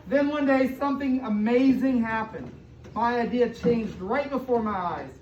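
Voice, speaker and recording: With a fairly high but darkish voice at normal speed, an American woman who is a school superintendent reads a picture book to young children present in the room. She keeps it interactive, paraphrasing, asking questions and drawing out words for emphasis. The sound is distant, echoey and muffled, with background noise.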